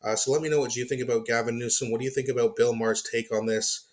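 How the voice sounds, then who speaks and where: A man's voice: mid-range voice, fairly even intonation, fast talker. A man hosting his own commentary channel, ranting in disbelief and swearing freely as he reacts to a clip, then winding down to sign off to his viewers. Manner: exasperated, swearing, incredulous.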